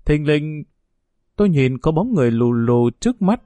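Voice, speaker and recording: A man narrating a novel in a steady, unhurried storytelling manner. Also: fairly high pitch, no room sound. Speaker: audiobook narrator.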